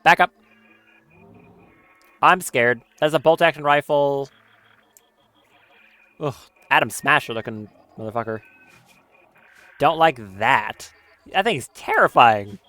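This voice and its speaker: A man streaming a game and talking through it live. His commentary is casual and a little nervous, sprinkled with swearing. Faint game music plays softly behind his voice. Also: mid-range voice, expressive, slow pace, pauses often.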